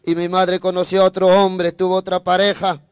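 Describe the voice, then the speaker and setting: A man's voice: high voice, monotone, moderate pace, clean tone, no echo, clean studio sound. A man giving a fervent sermon testimony as an evangelist preacher, repeating phrases, breaking in with praise, and speaking straight to his listeners. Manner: addresses listeners directly.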